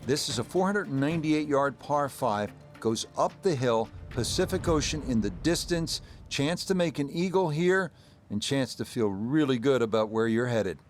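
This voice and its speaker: A man commentating on golf in a measured, descriptive announcer's delivery. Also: medium pitch, lively intonation, faint music behind.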